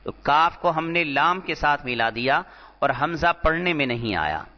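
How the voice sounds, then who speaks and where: A man teaches Arabic terms in a slow, deliberate lecture and repeats each term for his students. His voice sits a little high. The recording is dull and lo-fi, and it has a long reverb like a large hall. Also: lively intonation.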